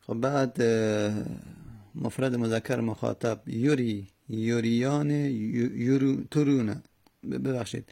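A man teaching a grammar lesson, slowly and methodically drilling verb conjugations with hesitant fillers. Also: medium pitch, fairly even intonation, vocal fry, dark tone. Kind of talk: Arabic morphology lesson in Persian.

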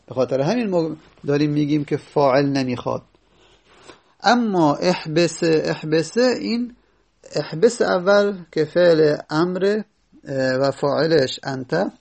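A man's voice: on the high side, vocal fry, darkish tone. A man giving a patient grammar lesson, repeating phrases and quoting Arabic verse as he explains them. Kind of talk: classroom lecture explaining grammar.

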